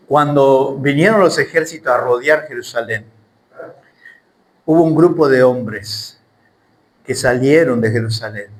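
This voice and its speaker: A man's voice: medium pitch, low-quality recording. A man teaching the Bible in a sermon, emphatic and full of rhetorical questions.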